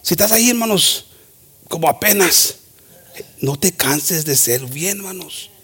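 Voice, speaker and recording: Man, preacher, high voice, bilingual sermon, emphatic exhortation, frequent restarts.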